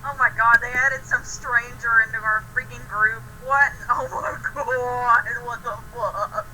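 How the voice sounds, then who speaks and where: A young woman chatting with a friend over the phone, excitable and animated, swearing often as she tells stories. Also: a little high, measured pace, slight background noise, poor audio. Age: young adult. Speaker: friend on a call. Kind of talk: casual chat.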